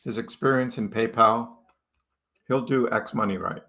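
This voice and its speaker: At a normal speed, a Chicago crypto streamer chats with his live audience, greeting viewers by name as he reads their comments. His voice is medium-pitched and sharp.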